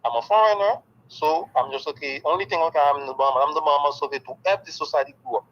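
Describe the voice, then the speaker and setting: A man's voice: a little high, rapid-fire, muffled recording. A man from Haiti who speaks natively, answering interview questions in a candid, emphatic way and filling his talk with "okay.". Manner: excited, emphatic, peppers speech with "okay".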